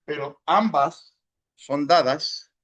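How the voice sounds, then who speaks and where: His voice fairly high and a bit bright, the man from El Salvador takes his time teaching Sunday school at church, though the recording is muffled. He chats with the class, checks in with them regularly, and blends in English words.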